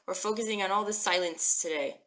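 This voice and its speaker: A woman teaches a live-streamed Hebrew reading class. Her voice is bright and ringing, upbeat and encouraging, as she cheers on viewers by name and walks them through each letter. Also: mid-range voice, brisk. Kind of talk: live-streamed language lesson. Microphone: phone live stream.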